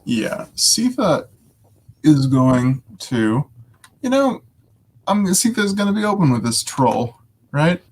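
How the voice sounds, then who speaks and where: A man playing a tabletop game, casually narrating his character's actions in a deliberate, piecemeal way. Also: fairly high pitch, very animated.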